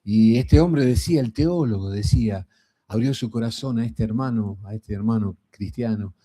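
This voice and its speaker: A man's voice: fairly low pitch, moderate pace, warm tone, husky. A middle-aged man with a Rioplatense Spanish accent preaching a sermon in a folksy, conversational way, often tossing in a rhetorical "¿no?".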